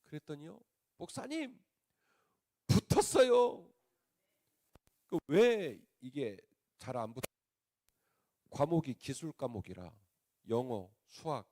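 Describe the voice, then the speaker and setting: A male revival preacher, telling a story to his church with a lively, wide-ranging delivery. His mellow, dark voice keeps rising into loud bursts and dropping into quiet asides. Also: medium pitch. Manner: animated storyteller, swings between loud outbursts and hushed asides. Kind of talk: sermon storytelling. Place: church sanctuary.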